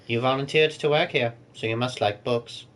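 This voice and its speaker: A man's voice: medium pitch, normal speed, fairly bright tone, close to an everyday voice. A man doing a snobby bookish boy bird. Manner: aloof, bored, condescending.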